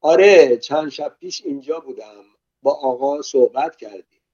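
A man's voice: on the high side, animated, mellow, slightly rough, no room sound. A man reading aloud and voicing a shy, polite middle-aged man who speaks bashfully, in a dull lo-fi recording. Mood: sheepish.

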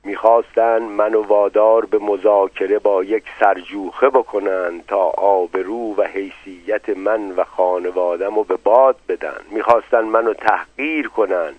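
A man's voice: on the low side, steady tone, slightly rough, dry recording. A man doing a pompous, paranoid old patriarch. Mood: aggrieved. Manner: muffled, drawn-out, grandiose. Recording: narrow phone-like dry recording.

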